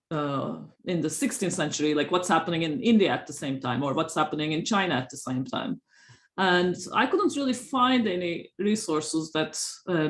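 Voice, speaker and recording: A woman professor from Turkey answers interview questions, halting and full of fillers and little laughs. Her voice carries a noticeable echo from the room around her. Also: low voice. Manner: hesitant, many fillers and restarts, frequent laughs. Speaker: professor, author. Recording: roomy echo.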